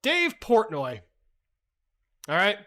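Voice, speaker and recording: A livestream host with a high, sharp voice and wildly swooping pitch talks slowly and casually through the market, blunt and profane. He's chatty, reads the chat, and keeps saying "like" and "right?".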